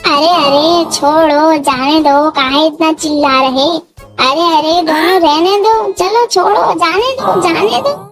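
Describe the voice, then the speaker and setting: A man's voice: very high voice, steady tone, takes it slowly, voice pushed up, exaggerated voice. A man voicing a fussy male cartoon peacemaker who keeps begging two quarrelling men to let it go. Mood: pleading. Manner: pleading, soothing, repeats "arey arey". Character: shrill fussy male peacemaker trying to calm a fight. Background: background music.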